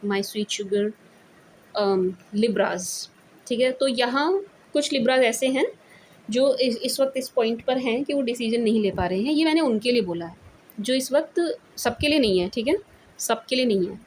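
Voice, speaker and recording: A talkative woman with an Indian accent reads tarot cards in a relaxed, conversational way, slipping English phrases into her speech. Her voice sits a little high. A faint hiss of noise runs under the recording. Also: measured pace. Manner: chatty, mixes English into Hindi, repeats "theek hai ji". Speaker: tarot reader. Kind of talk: casual tarot reading monologue.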